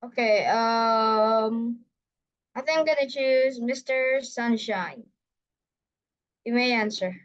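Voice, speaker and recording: Woman, moderator, slow, somewhat high, short polite prompts, dull lo-fi call audio. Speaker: discussion moderator. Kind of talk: moderating an online discussion.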